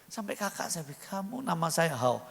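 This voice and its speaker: Older male pastor, high lively voice, gravelly edge, echoey church hall. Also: brisk. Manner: animated, acts out voices in dialogue, swings loud and soft. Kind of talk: sermon.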